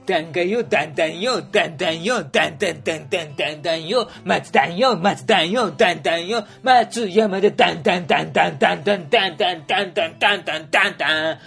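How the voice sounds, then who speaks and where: A storyteller voicing an excitable tourist who keeps chanting the same question loudly. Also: medium pitch, quick pace, gravelly, few pauses, soft background music. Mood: pestering. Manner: loud, repetitive, sing-song chanting. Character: excitable tourist pestering about local dialect.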